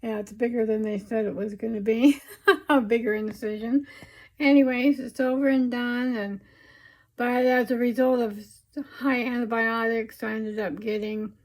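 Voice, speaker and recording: In a fairly high, fairly even voice at a normal pace, a woman hosts a casual, chatty craft tutorial with her teeth out, so her words slur slightly in a homely, rambling way. She is recovering from surgery that affects her speech.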